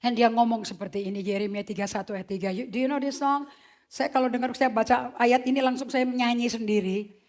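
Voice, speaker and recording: A woman's voice: a little high, fairly quick, darkish tone. A woman preaching a sermon, emphatic and slipping English phrases into her talk. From Indonesia.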